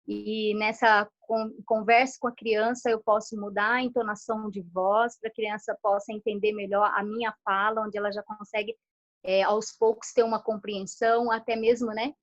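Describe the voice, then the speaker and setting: A woman's voice: mid-range voice, flat delivery, moderate pace. Patient woman explaining, dull call audio. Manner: patient, explanatory, with constant tag fillers and restarts. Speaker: school educator giving a parents' talk. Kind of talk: informal online lecture.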